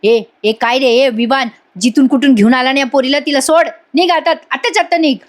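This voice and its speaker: Woman voicing a gruff rich father, bossy and angry. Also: high voice, steady tone, moderate pace, natural voice.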